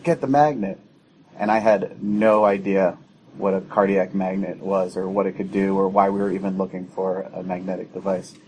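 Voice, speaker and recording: Low-voiced doctor explaining calmly. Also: male voice, slight background noise, low-quality recording. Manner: measured, teaching tone. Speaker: emergency physician guest. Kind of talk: clinical explanation in a podcast interview.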